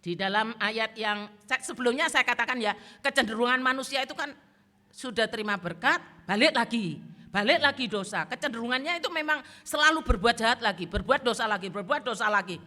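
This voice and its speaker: A woman pastor delivers a sermon, her voice bright and forceful. She tells stories in a lively way and drops in phrases. The sound carries a long church-hall reverb. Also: a little high, brisk. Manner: lively storytelling, mixing in Javanese phrases. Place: church service.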